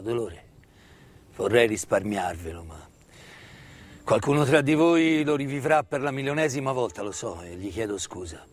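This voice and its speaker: Solemn and dramatic, a man with a fairly high voice tells a story on stage in theatrical monologue form, repeating words and pausing for weight. Live musicians accompany him.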